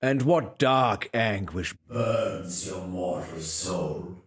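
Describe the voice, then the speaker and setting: A man playing a suave, mock-priestly late-night radio host in a game, theatrical and measured. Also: sits low, husky, exaggerated voice.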